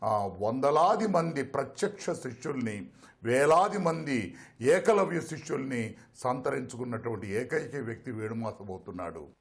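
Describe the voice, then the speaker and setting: A man gives an interview in an ornate, formal style, stopping often with filler sounds. His pitch moves in a lively way as he speaks. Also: normal speed. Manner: elaborate formal phrasing with many fillers.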